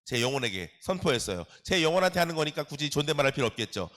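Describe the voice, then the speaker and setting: A middle-aged male pastor preaching a sermon, animated and joking, calling out to the congregation. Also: fairly high pitch, very fast.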